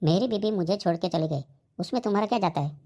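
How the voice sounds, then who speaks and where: A woman voicing a grown married man in a comedy cartoon whose wife has left him, snapping back with quick complaints. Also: fairly low pitch, noisy background, natural voice. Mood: irritated. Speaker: cartoon character.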